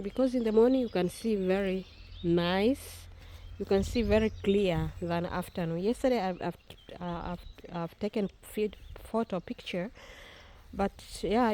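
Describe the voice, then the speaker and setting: Slight background noise sits under a woman's warm, mid-range voice. A native Swahili speaker, she films her garden outside with a phone and chats casually for her vlog, frequently breaking off to restart what she's saying.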